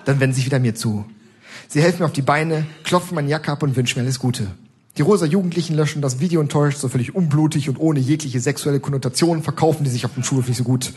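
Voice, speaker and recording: A man giving a comic stage reading of his own texts, narrating in the first person in a dry, deadpan way. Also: on the high side, quick pace.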